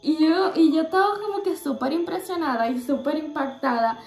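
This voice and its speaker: High-pitched young woman sharing a faith testimony, earnest and halting, roomy echo. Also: a little mellow, soft background music. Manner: earnest, halting, many fillers and restarts.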